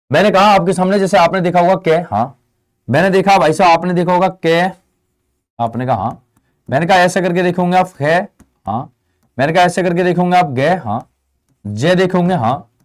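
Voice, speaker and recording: Chatty man teaching a Hindi lesson. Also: a little high. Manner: chatty, calls students friend and brother, acts out their replies; slows down and drags out key definitions. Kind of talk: online exam-prep lesson.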